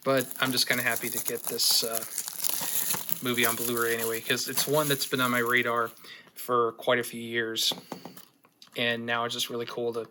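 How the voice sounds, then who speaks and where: A man's voice: mid-range voice, noisy background. A man hosting his own unboxing video, chatting casually with lots of fillers and dry, sarcastic asides.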